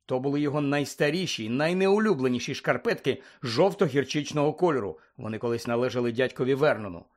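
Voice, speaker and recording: A man reading a children's fantasy novel aloud, acting out each character's lines with lively expression. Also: medium pitch, quick pace. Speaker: narrator. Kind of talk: audiobook reading.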